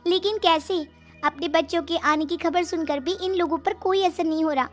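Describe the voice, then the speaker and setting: A woman's voice: very high-pitched, steady tone, normal speed, faint music behind, voice pushed up. A woman voicing an aggrieved young married daughter who complains plaintively in a comic story. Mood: frustrated.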